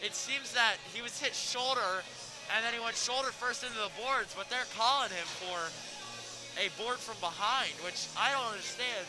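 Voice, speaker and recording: A man's voice: extremely high pitch, normal speed, music in the background, poor audio. A young man giving hockey color commentary in a chatty, analytical way with some hesitation.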